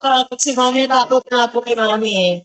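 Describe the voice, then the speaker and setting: A woman's voice: a little high, fairly even intonation, brisk, a bit bright, poor audio. A woman hosting a surprise gift delivery who talks very politely, putting "ma'am" at the end of nearly every phrase.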